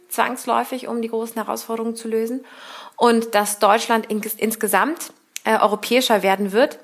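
Earnest higher-voiced woman politician. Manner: earnest, thoughtful, with frequent fillers. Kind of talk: answering interview questions.

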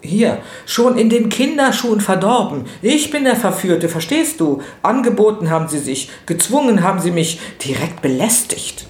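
A man's voice: medium pitch, measured pace, hardly any pauses, fairly bright tone. A man voicing a boastful, down-at-heel showman, blustering and self-righteous. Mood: indignant. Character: boastful bankrupt showman facing trial. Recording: roomy with faint noise.

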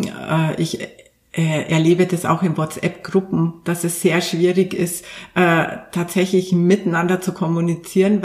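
Coach on a podcast, earnest, lots of ums, echoey room, middle pitch. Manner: earnest, explains with examples, many fillers. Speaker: communication coach, podcast guest. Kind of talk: explanatory interview talk.

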